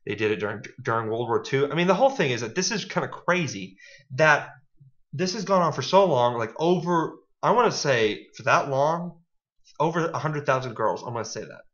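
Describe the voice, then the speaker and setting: A man's voice: medium pitch, fairly quick. Young male podcast co-host, jokey rambling chat, dull lo-fi sound. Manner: joking, rambling, animated. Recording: dull lo-fi home recording.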